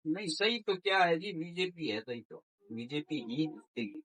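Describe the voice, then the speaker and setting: Plain-spoken farmer. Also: male voice, a little high, big pitch swings, moderate pace, pushed and bright, poor audio. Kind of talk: street interview.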